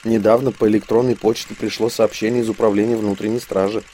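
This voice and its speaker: A man's voice: fairly low pitch, little pitch movement, fast talker, dark tone, slight background noise, lightly acted. A man voicing a nonchalant, mocking young male sergeant in a storybook reading, with a sly, offhand manner.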